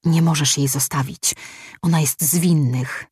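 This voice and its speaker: A woman's voice: sits low, fairly even intonation, a little slow, darkish tone, breathy edge, no echo, studio quality, exaggerated voice. A woman voicing a confused, frightened old man haunted by wartime memories, speaking in fearful, half-whispered mutters.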